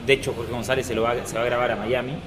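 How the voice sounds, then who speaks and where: A man's voice: medium pitch, level tone, rapid-fire, a crowd in the background, poor audio. A man, co-hosting a casual podcast discussion and thinking aloud with many fillers. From southern Chile. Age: 30s. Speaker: podcast co-host.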